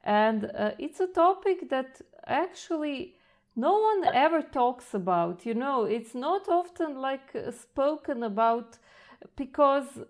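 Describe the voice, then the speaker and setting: A woman's voice: high voice, animated, slow pace, darkish tone. A woman from Croatia hosting an interview, gushing and hesitant, with many fillers and restarts. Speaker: host.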